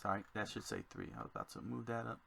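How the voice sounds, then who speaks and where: A man designing a card game, thinking aloud to himself in a slow, musing way as he works. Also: on the low side, sing-song, gravelly, sharp tone, a little hiss or hum.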